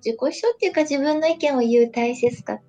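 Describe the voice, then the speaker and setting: A woman's voice: high-pitched, brisk, mellow, highs cut off, soft background music. A woman with a cute, anime-like voice, chatting casually as a radio guest with tentative phrasing and frequent agreement. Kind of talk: casual interview chat.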